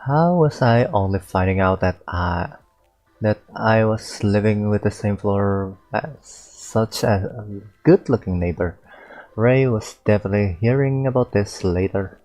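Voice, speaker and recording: Brief: male streamer narrating a story game, unhurried and halting, soft music faintly behind. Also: fairly low pitch, low-quality recording. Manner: slow, halting reading with stumbles and fillers.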